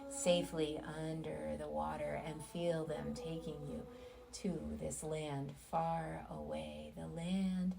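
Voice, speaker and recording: Over loud background music, a woman leads a meditation in a low, flat voice edged with gravelly fry. Her pace is very slow and soothing, her phrases are stretched, and long pauses fall between them.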